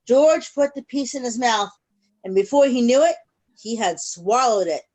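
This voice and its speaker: Over a video call, a woman with a high voice reads a storybook aloud to small children. She's expressive and a little mellow, moving between the text and simple questions as she pauses to check in with her young listeners.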